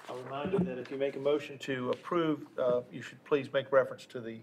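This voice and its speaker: A man's voice: medium pitch, steady tone, a little fast, a little hiss or hum. Courteous older man chairing a meeting. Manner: courteous, procedural, hesitant with fillers. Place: council chamber dais. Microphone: desk microphone.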